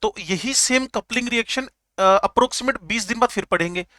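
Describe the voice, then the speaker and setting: High, bright-voiced male chemistry teacher. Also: dry recording, clean studio sound. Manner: jokey, repeats key terms slowly. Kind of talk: classroom lecture.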